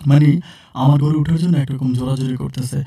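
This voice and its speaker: A man's voice: mid-range voice, fairly even intonation, brisk, gravelly, dark tone, breathy edge. A man narrating a real-life story in the first person, in a conversational way with many fillers.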